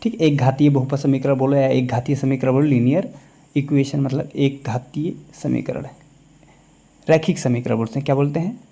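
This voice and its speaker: A man teaching a maths lecture in a classroom style, who keeps pausing to ask the class quick check questions. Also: medium pitch, fairly even intonation, vocal fry, dark tone, breathy edge.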